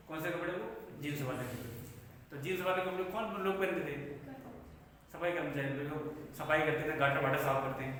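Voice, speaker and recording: A man's voice: sits high, bright, forceful tone, a little hiss or hum. A man teaching math to a class, asking questions and joking between points. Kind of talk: classroom lecture. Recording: echoey classroom from far off.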